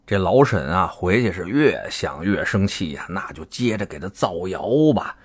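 Guy on a podcast, low voice, telling a story all animated and chatty. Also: moderate pace, slightly rough. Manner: animated, colloquial, acts out characters' lines. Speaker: podcast host. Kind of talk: casual storytelling chat.

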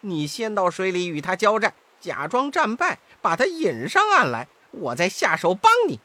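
A woman's voice: medium pitch, big pitch swings, moderate pace, pushed and bright. A woman voicing a cheeky, mischievous male monkey king in a children's storybook, chuckling and teasing. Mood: scheming. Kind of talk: storybook character voice.

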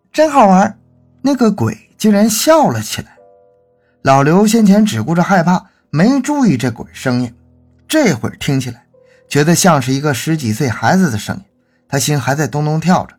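A man narrating a folk ghost tale in a folksy, animated storytelling manner. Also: on the high side, breathy edge.

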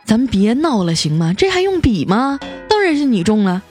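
Lively woman comic storyteller. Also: a little high, normal speed, soft background music. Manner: playful, punchline-driven delivery. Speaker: comedy podcast host.

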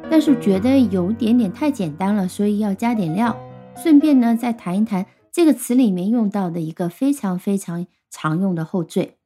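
Mellow-voiced woman teaching vocabulary. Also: mid-range voice, expressive, faint music behind. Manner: clear, patient explaining, slows down for English example sentences. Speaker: English teacher. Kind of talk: vocabulary lesson.

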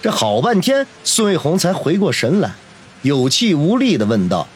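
A man narrating a novel in a dramatic, expressive storytelling voice. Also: a little high, normal speed, slight background noise. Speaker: audiobook narrator.

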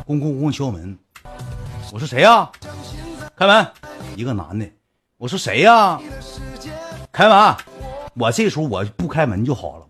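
Brief: young male storyteller, Northeastern Mandarin accent, very lively pitch, faint music underneath. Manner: animated, swings from low mumbles to high excited bursts. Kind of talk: casual anecdote telling.

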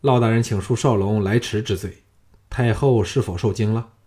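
A man's voice: on the low side, normal speed, dark tone, natural voice. A man voicing a composed, persuasive young general in an audiobook. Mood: easy. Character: calm, confident young male general.

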